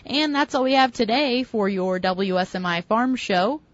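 A woman hosting a farm radio show and reading news in a steady, even way, taped off the radio. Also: a little high, moderate pace, no echo. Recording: dull lo-fi radio sound, dry.

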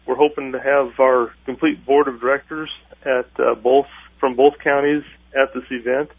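Man taped off the radio, halting with fillers, thin phone-like sound, dry. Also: mid-range voice, level tone, breathy edge, dry recording. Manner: halting, many filler pauses. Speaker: farm organization president, radio guest. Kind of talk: radio interview.

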